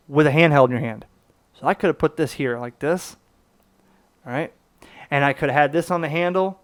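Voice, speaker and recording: His voice is smooth with a fairly high pitch. As a product reviewer giving a casual gadget demonstration, he talks things through conversationally, questions himself, and keeps checking in with the listener with "okay?"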